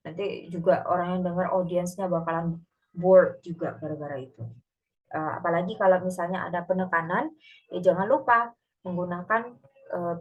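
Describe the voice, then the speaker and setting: A woman's voice: lowish voice, highs cut off. Indonesian-accented woman giving a casual lecture. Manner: code-switches between Indonesian and English, relaxed and chatty. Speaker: English lecturer. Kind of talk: recorded online lecture.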